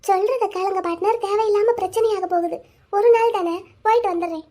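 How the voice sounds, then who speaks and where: A voice actor playing a gentle young wife in a cartoon story, coaxing and questioning her husband. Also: very high voice, steady tone, fairly quick.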